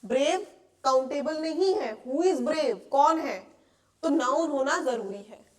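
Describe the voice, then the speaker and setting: A young woman with an Indian accent gives a classroom grammar lesson in a high, clear voice. She explains patiently and keeps asking the class whether it is clear. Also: lively intonation, slow. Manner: explains patiently, asks checking questions often. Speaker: English teacher. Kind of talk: classroom lecture.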